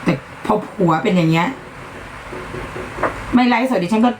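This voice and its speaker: A middle-aged woman from Northeast Thailand with an Isan accent, chatting bluntly through a live-stream sales pitch and scolding noise around her. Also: moderate pace, reverberant. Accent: Isan Thai. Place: upper floor of a home.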